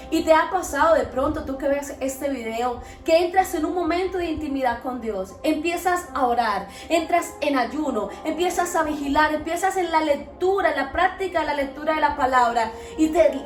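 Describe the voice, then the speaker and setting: A woman, hosting a podcast and preaching Bible lessons in an earnest, exhorting way full of rhetorical questions. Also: high-pitched. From Colombia. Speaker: podcast host teaching Bible principles. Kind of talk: preaching talk. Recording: echoey, distant mic, faint music behind.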